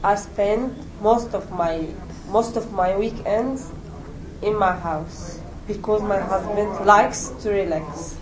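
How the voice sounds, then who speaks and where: Slow-speaking young woman. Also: medium pitch, a crowd in the background, poor audio. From Egypt. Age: 20s. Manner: simple, halting answers with light laughter. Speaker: English language student. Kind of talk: classroom interview practice.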